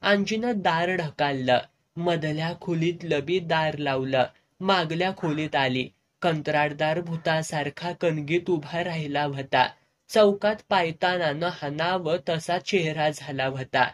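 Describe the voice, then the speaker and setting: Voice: mid-range voice, measured pace. A narrator reading a serialized novel aloud in village dialect. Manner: rural dialect storytelling.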